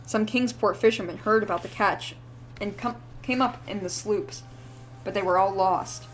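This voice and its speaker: A woman's voice: medium pitch, normal speed, a little hiss or hum, natural voice. Woman doing a wheezy rambling old drunk. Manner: rambling, feverish, rustic old-timer speech. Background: faint background music.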